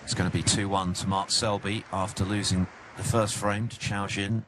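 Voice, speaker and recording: A man with a very low-pitched voice gives hushed snooker commentary. His delivery is understated and measured, setting the scene. There is clear hall noise in the background. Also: little pitch movement.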